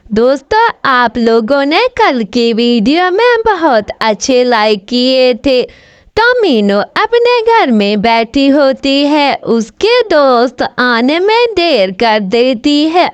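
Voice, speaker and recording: Woman narrating a kids' cartoon story, high lively voice, slow and chatty, dull dry recording. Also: smooth, dry recording. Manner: plain storytelling, chatty asides to viewers.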